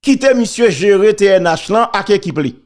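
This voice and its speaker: Emphatic high-voiced Haitian man. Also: expressive, normal speed, darkish tone. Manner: preachy, emphatic, repeats key phrases. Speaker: commentator on church and politics. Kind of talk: casual spoken commentary.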